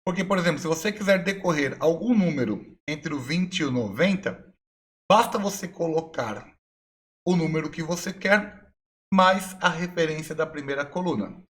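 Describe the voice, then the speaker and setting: A young man with a Brazilian Portuguese accent talks through an English lesson in a slightly high voice. He explains slowly and patiently, repeating each example so the learner can follow. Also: fairly bright tone. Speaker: English teacher. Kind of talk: online language lesson.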